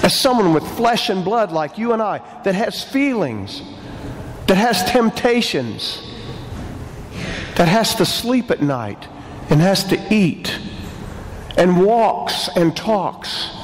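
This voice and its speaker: Priest in cathedral echo, slow and solemn. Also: male voice, high-pitched, very animated. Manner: solemn, deliberate, phrase-by-phrase delivery. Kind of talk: liturgical gospel reading and homily preaching. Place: large church with echoing acoustics. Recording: cathedral-like echo, long reverb, background noise.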